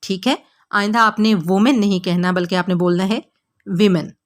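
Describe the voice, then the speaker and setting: A woman whose first language is Urdu, from Pakistan, presents an English lesson in scripted narration. She repeats words slowly for learners to copy. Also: mid-range voice. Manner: slow, repeated word drills for learners. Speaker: English teacher.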